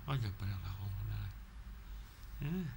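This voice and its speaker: A man's voice: on the low side, expressive, moderate pace, gravelly, background noise. A man talking casually at home, doting and cooing in baby talk. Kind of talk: casual home video chat.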